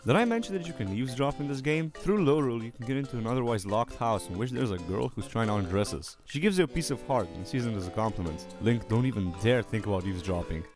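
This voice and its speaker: Animated, joking man reviewing a game. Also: medium pitch, fast, few pauses. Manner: sarcastic, joking, casual swearing. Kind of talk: scripted casual game review narration. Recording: voice-over with music behind it.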